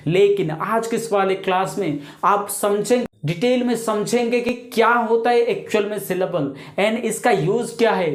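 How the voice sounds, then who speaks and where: A woman with an Indian accent teaching an English grammar class that mixes Hindi and English. She explains slowly, repeating each point and checking that her students have understood. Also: mid-range voice. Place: classroom with a blackboard. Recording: echoey room.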